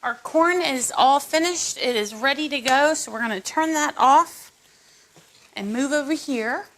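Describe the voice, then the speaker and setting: In her home kitchen, a woman hosts a casual cooking tutorial, chatting viewers through every step. Her voice is high and a bit bright, and she speaks a little slowly.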